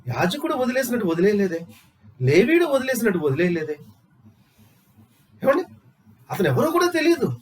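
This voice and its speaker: A man's voice: sits high, wildly swooping pitch, normal speed, long pauses. A man preaching a sermon, asking his listeners rhetorical questions and repeating phrases for emphasis.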